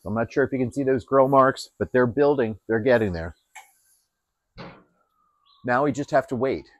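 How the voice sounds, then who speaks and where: Man, home cook, easygoing how-to delivery, middle pitch, dry close sound. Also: normal speed, no room sound. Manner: relaxed, step-by-step with fillers. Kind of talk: casual cooking demonstration. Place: outdoors at a grill.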